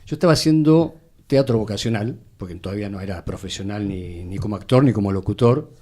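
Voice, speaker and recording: This interview guest, a radio actor and announcer, is middle-aged or older and has a Buenos Aires area Argentine accent. His voice is lowish and darkish, and he talks quickly, thinking aloud while sharing anecdotes in a conversational way.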